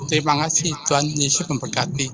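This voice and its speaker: A man's voice: a little high, steady tone, quick pace, crowd noise. A male caller asks a polite, hesitant Bible question while his call audio keeps cutting out. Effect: choppy call audio breaking up. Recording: noisy, dull phone-call line.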